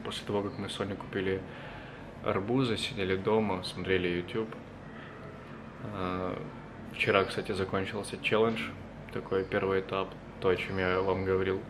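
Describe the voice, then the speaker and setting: Low-voiced young man, noisy recording. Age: 20s. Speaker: vlogger. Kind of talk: casual chat to camera. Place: small apartment room, indoors. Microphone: camera at arm's length. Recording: noisy handheld camera audio, room ambience.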